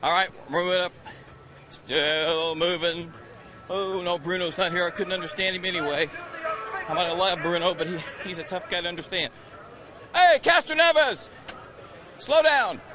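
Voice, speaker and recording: A man's voice: sits high, flat delivery, fast, a crowd in the background. Breathless joking man in his sixties. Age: 60s. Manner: joking, teasing, brash banter. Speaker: pit-lane grid reporter. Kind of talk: live race broadcast interviews. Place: outdoors on a race starting grid.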